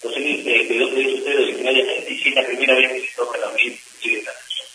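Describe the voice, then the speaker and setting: A man working as a journalist, asking quick and direct questions in an interview. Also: medium pitch, steady tone, sharp tone. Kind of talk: press interview. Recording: roomy and distant with faint hum.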